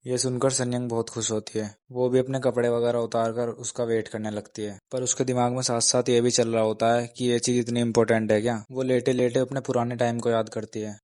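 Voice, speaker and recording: A man narrates a story from a script. His delivery is flat and steady, with very little rise and fall in pitch. His voice sits at a middle pitch. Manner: flat, even reading.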